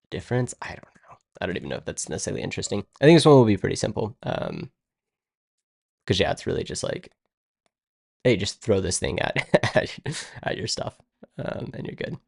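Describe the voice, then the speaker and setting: A man's voice: low voice, wildly swooping pitch, normal speed, gravelly, a little mellow, no echo, clean studio sound. A man live-streaming his coding work, thinking aloud in a rambling, casual way and muttering to himself as he goes. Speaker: live-streaming web developer.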